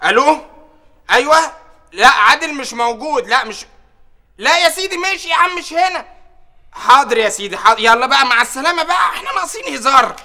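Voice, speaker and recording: An actor playing a dim-witted, oblivious friend who is slow to react, speaking naively and at length with an Egyptian Arabic accent. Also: male voice, very high voice, animated, pushed and bright, exaggerated voice. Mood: dismissive. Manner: rambling and naive. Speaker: sitcom character. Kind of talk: sitcom acting. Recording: sitcom laugh track audience.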